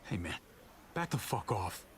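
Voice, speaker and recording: A man's voice: on the low side, sing-song, a little slow, a little hiss or hum. An actor voicing a hot-tempered, defensive male survivor in a story game, speaking in a hostile way. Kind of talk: game voice acting.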